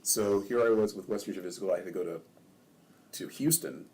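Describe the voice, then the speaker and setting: An older Maryland man who serves as a ward councilman tells relaxed stories in a casual interview, chuckling often. His voice is low-pitched and a little fast, with slight background noise.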